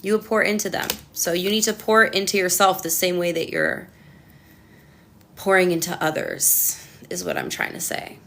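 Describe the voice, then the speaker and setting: A passionate young woman reads tarot for her viewers, ranting and chatting freely as she goes. Her voice is bright and sharp. A faint noise sits behind it. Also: on the low side, huge pitch swings, moderate pace. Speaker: tarot reader. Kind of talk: casual tarot reading answering live chat.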